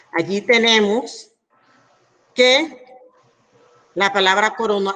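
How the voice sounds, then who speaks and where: A woman's voice: medium pitch, a bit bright. A woman teacher giving a class online, explaining rules patiently and checking in with her students. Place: school in Santiago.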